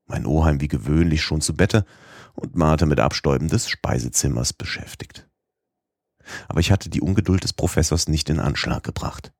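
Man, audiobook narration, very deep voice, husky, dry close sound, measured reading. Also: darkish tone, no room sound. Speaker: audiobook reader. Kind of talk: scripted narration.

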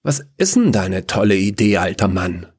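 A man voicing Evil as a gleeful, excitable male figure. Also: sits low, normal speed, slightly rough, exaggerated voice. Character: Evil, gleeful male, bored on his phone.

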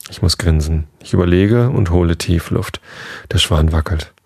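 Deep, gravelly male story reader. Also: moderate pace, darkish tone, dry recording, clean studio sound. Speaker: narrator. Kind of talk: scripted first-person story reading.

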